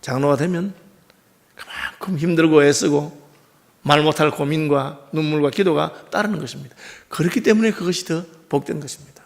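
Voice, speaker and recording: High, gravelly Gyeongsang pastor preaching. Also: male voice, moderate pace. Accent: Gyeongsang Korean. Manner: conversational preaching with frequent rhetorical questions to the congregation. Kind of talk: sermon. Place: church sanctuary.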